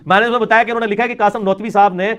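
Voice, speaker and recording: A man's voice: high-pitched, fairly even intonation, a bit bright. A man with a Punjabi-inflected Urdu accent giving a religious lecture, sarcastic and mocking his opponents in quoted asides.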